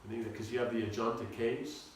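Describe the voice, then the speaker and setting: A man teaching a seminar on scripture, talking in a halting, informal way and often repeating his words. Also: medium pitch, little pitch movement, a little hiss or hum. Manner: halting, repeats words, asks the audience to follow. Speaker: spiritual teacher giving a seminar lecture. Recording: echoey room, recorded from a distance.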